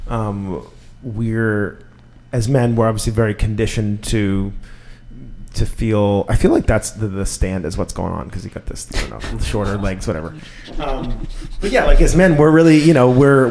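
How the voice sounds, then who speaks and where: A man in his thirties, a podcast host chatting casually and telling stories in a rambling, animated way with lots of fillers. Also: fairly low pitch. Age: 30s.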